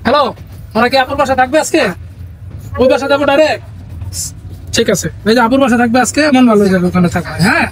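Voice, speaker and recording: Young father, family vlogger; rapid, soothing and reassuring, phone-recorded on a train. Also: extremely high pitch. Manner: gentle, coaxing, reassuring. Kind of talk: casual family vlog. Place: inside a moving train.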